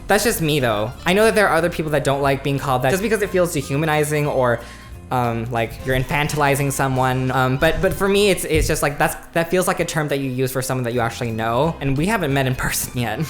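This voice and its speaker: A man's voice: mid-range voice, quick pace, faint music behind. Chatty young man telling a story. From USA. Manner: chatty, lots of "like" and "you know", wry self-mocking asides. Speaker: vlogger. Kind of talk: casual storytelling to camera.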